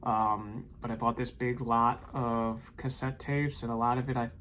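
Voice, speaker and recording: At a normal pace and with a flat delivery, an eBay reseller vlogger talks through his weekend sales in a casual, um-filled way. His voice is medium-pitched and fairly bright, recorded in a home room with tape-lined shelves amid slight background noise.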